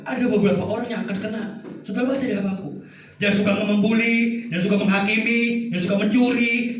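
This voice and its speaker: A man preaching a sermon as pastor, swinging from low murmurs to high shouted outbursts. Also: slight background noise. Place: church hall. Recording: echoey church hall, preacher far from mic.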